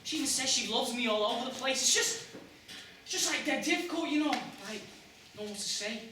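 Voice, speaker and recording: A woman's voice: high-pitched, lively intonation, fairly quick. A teenage girl playing a shy, awkward teenage boy in a school stage play, stammering and hesitant, with a Liverpool accent. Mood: nervous. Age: teens. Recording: echoey room from far off, noisy.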